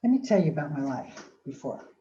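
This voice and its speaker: An older woman gives a motivational talk, her mellow, slightly low voice moving between storytelling and acted-out inner voices, with sighs and restarts. The recording is dull and echoes in a roomy space. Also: sing-song, a little fast, slight background noise. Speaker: speaker giving a talk on aging well.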